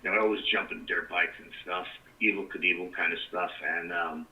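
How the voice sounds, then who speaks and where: A man's voice: deep voice, fairly even intonation, moderate pace, bright, forceful tone, recorded from a distance, low-quality recording. A middle-aged man, a guest rambling through a story in casual talk with plenty of "you know". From New York.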